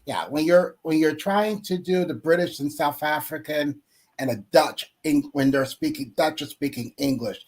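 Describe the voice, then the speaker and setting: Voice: mid-range voice, moderate pace, a little mellow. A co-host in a casual chat who teases and scolds in a dry way.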